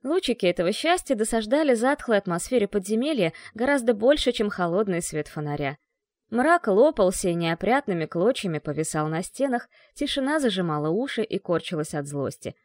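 A woman's voice: medium pitch, big pitch swings, a little fast, a little mellow, dry recording, studio quality. A woman narrating a first-person audiobook in a wry, ironic manner.

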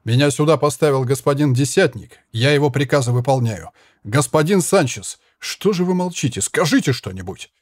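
A man's voice: medium pitch, lively intonation, moderate pace, no echo, clean studio sound, close to an everyday voice. A man voicing an earnest young Flemish lad who pleads and protests indignantly.

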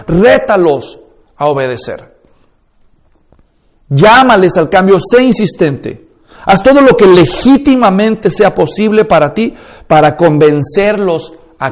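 A man teaching a course on preaching, speaking in an emphatic, instructive way, addressing listeners directly and demonstrating tones and speeds with his own voice. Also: sits high.

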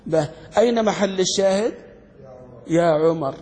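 A man teaching a grammar class as a sheikh, firing quick questions at his students and restarting words as he searches for them. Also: sits high, a little mellow. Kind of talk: classroom lecture. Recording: long hall reverb.

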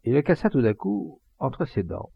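Gravelly male audiobook narrator. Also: medium pitch, very animated, normal speed, dry recording, dull audio. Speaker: audiobook reader.

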